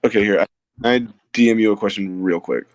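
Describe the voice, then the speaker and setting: A man's voice: on the low side, quick pace, low-quality recording. A man playing a tabletop role-playing game, hesitant, asking questions and rewording himself. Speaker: player.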